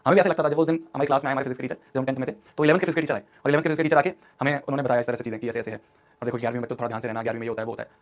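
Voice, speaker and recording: A man's voice: medium pitch, steady tone, rapid-fire. A young man in his twenties, an online teacher giving a motivational class talk in an urgent, scolding, repetitive way. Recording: dull lo-fi stream audio.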